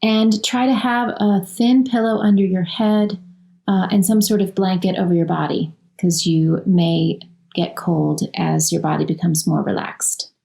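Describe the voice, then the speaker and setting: A woman guides a deep relaxation practice, talking her listener through the body step by step. Her voice sits low and mellow, and she takes her time with every phrase, letting long pauses settle between instructions. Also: fairly even intonation, creaky, low-quality recording. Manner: slow, soothing, gently instructive. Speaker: meditation guide.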